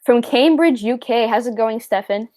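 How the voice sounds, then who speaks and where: With a fairly high, mellow voice at normal speed, a young Canadian woman hosts a fishing livestream and answers viewers' questions in relaxed live chat. Her style is chatty and rambling, with lots of fillers and quick laughs.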